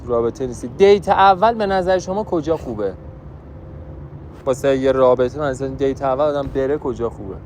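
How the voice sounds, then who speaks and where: A man's voice: medium pitch, darkish tone, a little hiss or hum. A young man doing a hidden-camera street prank outdoors in a park, with a brash, pushy, mock-scolding way of talking. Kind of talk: street prank, teasing banter. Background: background music.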